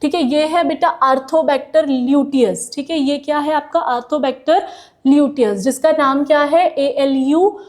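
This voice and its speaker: Female biology teacher, high mellow voice, relaxed explaining, Indian English accent on technical terms. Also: takes it slowly. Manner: explains with homely examples, calls students "beta"; mixes English terms into Hindi, frequent "theek hai". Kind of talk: classroom lecture.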